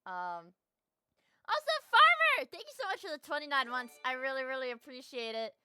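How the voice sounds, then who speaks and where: A woman's voice: high voice, big pitch swings, quick pace, sharp tone, smooth, no echo, studio quality. A young woman livestreamer chatting casually with her viewers in a cute anime-streamer manner, gushing and swearing freely.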